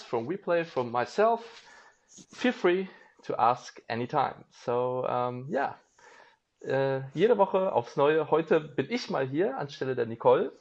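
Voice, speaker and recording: Over dull phone-livestream audio, a man with a mid-range voice hosts a casual interview for a label. Of half German, half Japanese descent and speaking with a German accent, he's talkative, laughs often, and uses many fillers.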